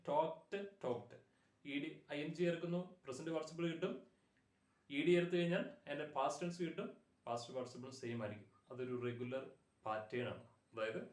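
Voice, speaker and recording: A man's voice: fairly high pitch, recorded from a distance. Man teaching grammar in an echoey room. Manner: patient, repeats word forms and checks understanding. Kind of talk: classroom grammar lesson.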